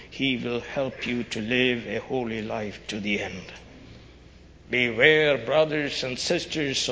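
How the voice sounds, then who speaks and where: A male preacher delivers a doomsday fire-and-brimstone sermon in a forceful, hard-edged voice. He warns sternly and urgently, street-preacher style, in slow and weighty phrases. The sound rings through a long, reverberant hall. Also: medium pitch. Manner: emphatic, solemn, deliberate phrasing. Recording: dull, noisy recording in reverberant hall.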